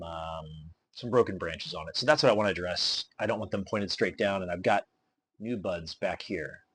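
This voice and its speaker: Low husky-voiced man narrating a hobby vlog. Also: a bit bright. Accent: regional accent. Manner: deliberate, slow, filler-heavy explaining while pruning. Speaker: bonsai hobbyist vlogger.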